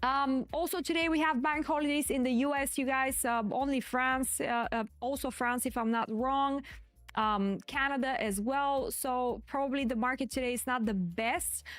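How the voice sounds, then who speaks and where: A woman with a quiet but clear voice hosting live market commentary, explaining casually and often correcting and repeating herself as she goes. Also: sits high, steady tone, moderate pace, no room sound, faint music behind. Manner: hesitant, self-correcting, repeats phrases. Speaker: trading stream host.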